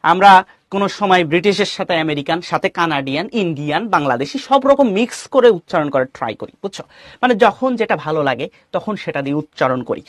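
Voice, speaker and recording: A man's voice: high-pitched, expressive, fairly quick, no room sound, studio quality. A man from Bangladesh with a Bangladeshi Bengali accent, teaching an English lesson in an online class. He asks the class questions, reads out students' names and mixes English phrases into his Bengali.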